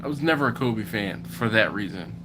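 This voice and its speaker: With background noise behind him, a man from Philadelphia runs a barbecue livestream, reading comments in casual chat. His lowish voice goes a little fast, and he animatedly performs back-and-forth exchanges.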